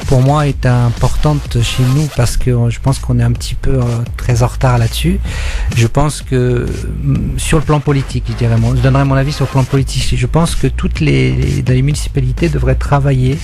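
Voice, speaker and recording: A man speaking as a guest on a radio panel, halting and repeating words as he searches for them. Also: medium pitch, fairly even intonation, creaky, dark tone. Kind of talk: casual panel discussion.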